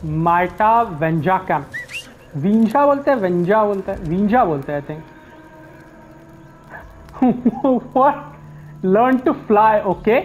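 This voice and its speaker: A man's voice: sits high, drawn-out words, pauses often, a little hiss or hum, low-quality recording. Laid-back man commenting on gameplay. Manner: relaxed, mixes Hindi and English, chuckles at the game. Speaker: gamer, channel host.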